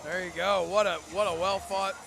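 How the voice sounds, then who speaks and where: A male color commentator with a high, creaky voice trades wisecracks at a live wrestling show. Loud music plays behind his patter. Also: little pitch movement, moderate pace.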